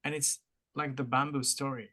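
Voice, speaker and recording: A man's voice: medium pitch, level tone, normal speed, bright, forceful tone. A man with a French-Mauritian accent co-hosting a podcast, talking casually and motivationally, explaining through analogies with encouraging repetition. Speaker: podcast co-host.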